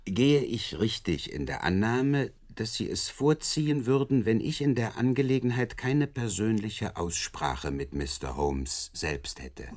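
Low-voiced, animated police inspector. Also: male voice, a little slow, hardly any pauses. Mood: discreet, probing. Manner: courteous, wordy, confiding. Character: courteous, faintly envious male police inspector. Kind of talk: German radio drama acting.

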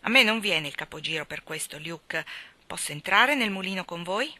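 A woman voicing a lively, eager young girl in a read-aloud novel. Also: lowish voice, normal speed, no echo. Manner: bright raised voice.

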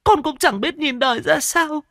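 A man's voice: very high voice, fairly bright tone, no echo, studio quality, voice pushed up, full character voice. A man voicing a frightened young village woman who sobs and trembles as she talks, in a told ghost story. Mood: distraught sobbing. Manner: sobbing, trembling, halting.

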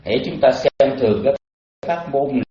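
Male Buddhist teacher, mid-pitched, halting didactic delivery, dull lo-fi recording with strong room echo. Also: expressive, mellow. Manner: didactic, halting with pauses and repeats. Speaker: Buddhist monk teaching a class. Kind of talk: dharma talk. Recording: dull lo-fi, echoey online audio.

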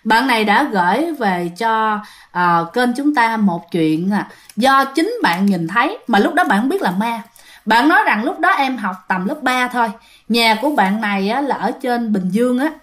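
A woman's voice: a little high, animated, normal speed, fairly bright tone. A woman telling ghost stories in a chatty way, talking straight to her listeners, with a phlegmy throat. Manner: chatty, addresses listeners directly. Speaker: ghost story narrator. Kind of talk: casual storytelling narration.

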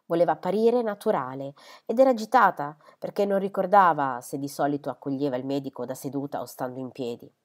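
Woman narrating a classic novel, measured and expressive, a bit low. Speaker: audiobook reader. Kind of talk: literary audiobook narration.

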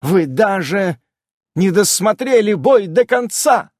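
A man doing a fierce young amazon warrior in an audiobook, pitched well up and swinging wildly in tone. She is quick to anger and full of scorn, shouting her lines in a dry, close recording. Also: lively intonation, no echo, full character voice. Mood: scornful. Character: fiery haughty young amazon warrior woman. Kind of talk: audiobook character voice.

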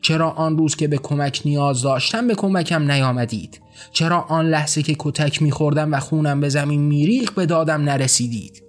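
A man's voice: a little high, soft background music, close to an everyday voice. A man voicing a furious defiant laborer. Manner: shouting, furious, questioning. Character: angry young male laborer, defiant rebel.

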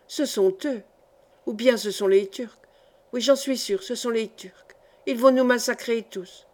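A woman's voice: on the high side, darkish tone, close to an everyday voice. Grumbling fearful old monk, read by a woman, snappy and impatient. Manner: irritable and fearful.

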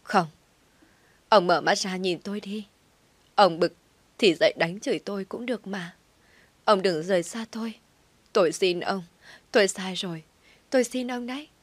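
A woman voicing a grief-stricken elderly wife who pleads loudly and cries out. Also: medium pitch, moderate pace, long pauses, no echo, natural voice. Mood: desperate pleading. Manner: crying out, loud and pleading.

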